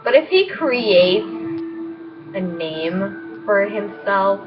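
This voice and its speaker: A woman's voice: medium pitch, big pitch swings, very slow, over music. A woman rambling in a casual vlog, giggling and gushing as she talks. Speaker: vlogger. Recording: dull lo-fi with voices behind.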